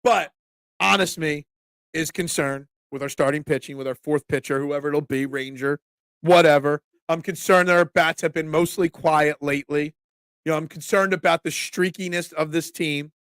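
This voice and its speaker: Reading chat comments on a casual sports live stream, this host speaks at normal speed in a fairly high, clean-toned voice that sounds stuffed up, like he's coming down with a cold. His excitable, opinionated rants are broken by frequent restarts. Audio is close and dry with no echo.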